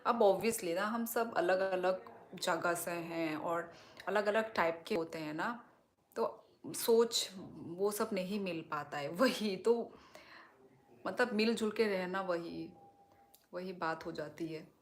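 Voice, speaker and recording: A woman's voice: fairly low pitch, takes it slowly, slight background noise. A young woman from Tripura hosting a casual live stream, reading and answering viewers' comments in a chatty way. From Tripura, India. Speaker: livestream host reading comments.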